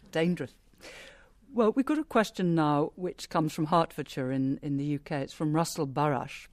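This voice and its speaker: A radio presenter leading an interview in a chatty, teasing way, with lively asides. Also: mid-range voice, moderate pace.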